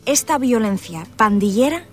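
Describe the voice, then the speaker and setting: A woman's voice: on the high side, expressive, moderate pace, breathy edge, soft background music. A voice actress playing chattering female passersby on the streets of a video game city, exclaiming her lines. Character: chattering city pedestrian women.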